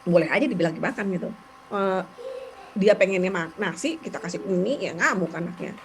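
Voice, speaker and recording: A woman talking casually and explaining therapy ideas as a parent, chatty and animated, with quick laughs. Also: lowish voice, a little hiss or hum, poor audio.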